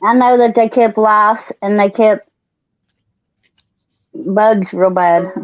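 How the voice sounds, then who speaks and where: A woman's voice: mid-range voice, slow, narrow, tinny audio. A woman with an Appalachian accent giving blunt, folksy answers in a casual panel interview. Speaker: guest witness.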